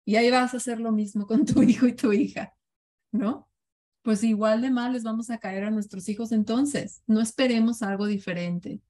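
A woman's voice: fairly high pitch, steady tone, normal speed, dark tone. A woman leading a parenting workshop, speaking reflectively and often asking her listeners questions. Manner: reflective, asks the audience questions. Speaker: parenting coach. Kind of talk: live online workshop talk.

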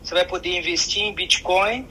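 A man's voice: sits high, a little fast, pushed and bright, a little hiss or hum, poor audio. A man commenting in casual chat, hesitant and restarting mid-thought. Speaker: guest commentator.

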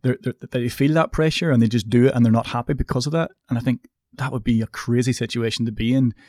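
A man's voice: medium pitch, fairly even intonation, fast, a little mellow, dry recording, clean studio sound. A man in a casual podcast chat, reflective, explaining his views at length.

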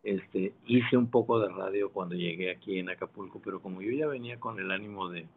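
A man in his seventies with a Mexican accent, a retired broadcaster answering interview questions in a measured, unhurried, modest way. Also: deep voice. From Monterrey, Mexico. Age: 70s. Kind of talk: phone interview. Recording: tinny phone line.

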